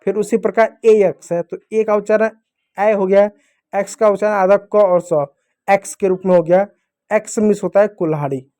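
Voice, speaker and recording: A young man teaches small children how to read, his voice pitched high yet soft and mellow. He goes patiently, posing each rule as a question and then answering it himself. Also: fairly even intonation, moderate pace. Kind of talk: phonics lesson for young children.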